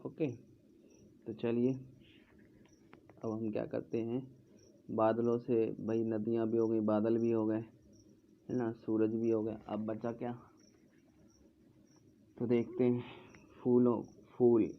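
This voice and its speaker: A man teaching grammar in Hindi, speaking slowly and repeating words as he writes. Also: mid-range voice, completely flat delivery, a little hiss or hum. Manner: slow, repeating words while writing on a board. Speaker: English teacher. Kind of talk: explaining English grammar in Hindi. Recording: dull lo-fi sound, faint background.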